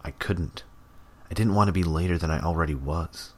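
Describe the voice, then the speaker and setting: A man's voice: low voice, moderate pace, darkish tone, husky. A man voicing a young male underling who is nervous and deferential, speaking politely and hesitantly.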